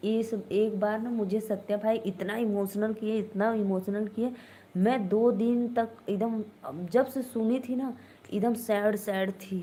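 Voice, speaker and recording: A woman's voice: medium pitch, warm tone, slight background noise. A young woman with an Awadhi-tinged Hindi accent hosting a casual live stream, chatting with viewers and answering their comments.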